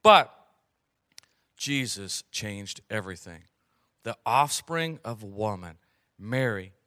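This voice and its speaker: A man preaching a sermon, telling a personal story in an earnest way, often clearing his throat and slowing down on key phrases. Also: on the low side, expressive, sharp tone, no echo, clean studio sound. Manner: frequent throat clearing and fillers. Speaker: pastor.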